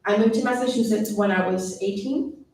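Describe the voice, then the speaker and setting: A woman's voice: mid-range voice, moderate pace, a little mellow, slight background noise. Young woman giving a speech, echoey hall. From Puerto Rico. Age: 20s. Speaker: student government officer. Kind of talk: prepared speech. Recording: echoey hall, far mic.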